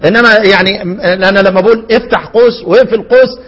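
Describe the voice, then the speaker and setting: An Egyptian male teacher with a high, husky voice works through a recitation poem line by line. He chants each verse slowly and keeps prompting the class to fill in the missing word. The sound trails off in a long reverb. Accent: Egyptian Arabic. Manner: asks questions and lets students fill in the answer.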